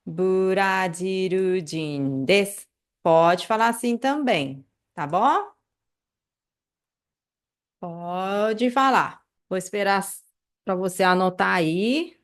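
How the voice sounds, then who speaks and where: A woman with a Brazilian Portuguese accent teaches an online language lesson at an unhurried pace. She repeats each phrase slowly and patiently, often checking in with the listener. Her voice sits in an ordinary middle register. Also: medium pitch.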